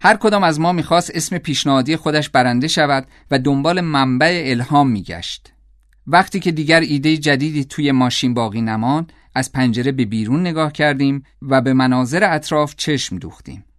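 A man with a mid-range voice reads an audiobook in a measured, calm storytelling manner. As narrator, he delivers scripted narration in clean studio sound with no echo.

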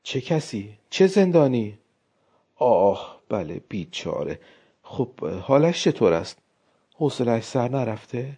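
A man reading an audiobook, voicing a fickle, self-absorbed young wife in a softer, quieter, fretful voice. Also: medium pitch, sing-song, slightly rough. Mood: coaxing. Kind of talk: audiobook character voice. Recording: dull lo-fi recording.

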